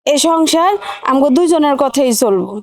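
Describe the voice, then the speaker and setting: An actress playing a cautious, worried elder daughter-in-law who speaks hesitantly. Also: female voice, high-pitched, animated, moderate pace, dry recording. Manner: hesitant, pleading. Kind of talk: TV drama acting.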